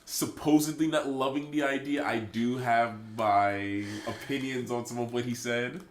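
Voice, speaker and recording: Speaking at a normal pace in a medium register, this podcast co-host sounds sick and stuffed up from a cold as he delivers strongly opinionated, lively rants on a casual show. There's a faint hiss or hum, and the room echoes.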